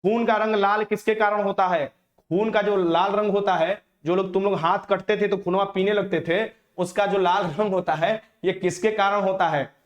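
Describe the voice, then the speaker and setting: A man's voice: high-pitched, steady tone, moderate pace, lo-fi sound. A man teaching a live exam-prep quiz, repeating each question and teasing his students. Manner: teasing, repeats questions, mixes in English words. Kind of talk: live online quiz lesson.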